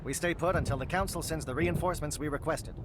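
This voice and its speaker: A man voices an alien military captain in a sci-fi game. He speaks quickly in a fairly high male register, clipped and authoritative. Clear outdoor noise sits behind him. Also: natural voice. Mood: exasperated, urgent. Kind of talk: video game dramatic dialogue.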